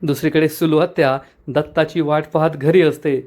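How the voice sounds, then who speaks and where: A man's voice: fairly high pitch, normal speed. Man retelling a soap episode. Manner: lively, reads dialogue aloud. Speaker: serial episode recapper. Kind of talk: storytelling episode recap.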